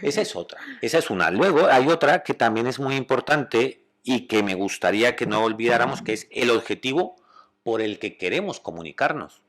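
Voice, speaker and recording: A man with a Spanish accent, a psychologist calmly explaining communication and often checking that listeners follow. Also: medium pitch, a little fast. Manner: calm, explanatory, checks understanding with "¿vale?".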